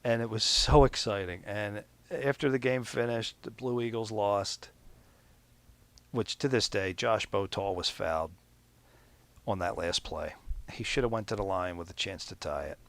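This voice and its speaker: A middle-aged man with a Pennsylvania accent, hosting a podcast and telling a rambling, enthusiastic story. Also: a bit bright. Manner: rambling, enthusiastic, acts out quoted people in a high voice. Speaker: podcast host and league announcer. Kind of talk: casual storytelling.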